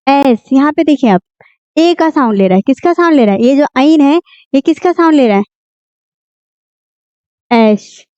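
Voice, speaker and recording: A woman teaching a beginner Urdu lesson, repeating each word slowly and asking and answering her own questions. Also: sits high, animated, warm tone, no room sound. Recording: dull lo-fi dry sound.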